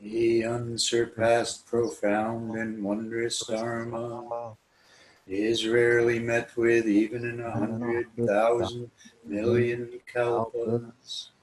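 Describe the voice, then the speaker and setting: Monotone, slow male verse recitation. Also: medium pitch, rough recording. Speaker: Zen teacher leading a verse.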